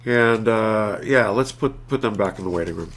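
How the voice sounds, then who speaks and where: A man's voice: lowish voice, moderate pace, fairly bright tone. A man hosting a casual live synth show, talking in a rambling, laid-back way with many fillers and restarts. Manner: laid-back, a little profane.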